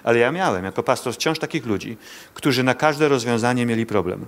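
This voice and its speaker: A man's voice: mid-range voice, expressive, brisk. A male pastor preaching a sermon to a congregation in church, speaking directly to listeners, pleading and asking rhetorical questions.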